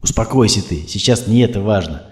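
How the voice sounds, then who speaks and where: A man voicing an anxious, injured man who talks to himself in a hushed, urgent way. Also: lowish voice, lively intonation, a little fast, natural voice. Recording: roomy echo.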